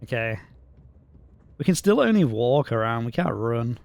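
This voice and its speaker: A man's voice: medium pitch, sing-song, moderate pace, creaky, darkish tone. A man streaming a video game, making dry, wry casual commentary.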